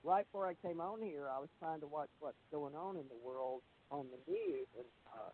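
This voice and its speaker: A woman's voice: low voice, very animated, normal speed, heavy background noise. An older woman hosting a radio show, rambling and losing her thread, over a bad phone connection that keeps cutting out. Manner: rambling, loses her thread mid-sentence. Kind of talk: rambling casual radio talk. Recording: tinny dry phone line.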